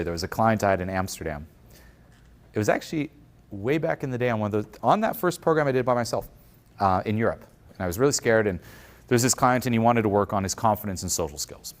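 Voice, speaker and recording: A man with a lowish voice coaches his audience in a motivational conference talk. He's animated and often acts out the inner voices of the people he describes.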